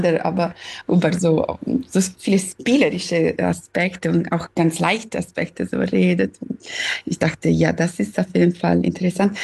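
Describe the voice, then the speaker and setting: A woman from Sicily with an Italian accent, a pianist talking haltingly as a guest over a video call from home. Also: on the low side, gravelly, breathy edge. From Sicily, Italy. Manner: hesitant, searching for words, laughs often. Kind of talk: casual interview on video call. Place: her home.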